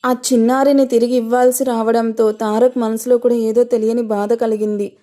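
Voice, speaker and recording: A woman narrating an audio story in a gentle, expressive way, her voice strained from long recording. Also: fairly high pitch, fairly quick.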